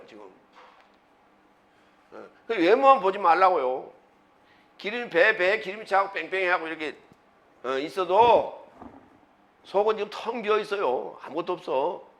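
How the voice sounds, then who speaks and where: A man pastor preaching a sermon, emphatic, with rhetorical questions and sudden loud bursts. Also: high-pitched, lively intonation, moderate pace.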